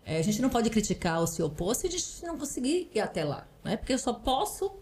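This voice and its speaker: A woman's voice: on the high side, big pitch swings, quick pace, darkish tone, a little hiss or hum. A woman, a parental counselor, explaining earnestly in a podcast conversation and often adding small tag questions. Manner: earnest, advising, often adds "né". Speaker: parental counselor and psychoanalyst guest.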